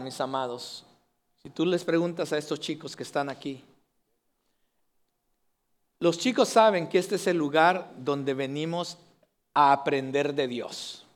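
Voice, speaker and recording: A male pastor preaching an earnest sermon to his congregation, building to emphatic declarations. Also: on the high side.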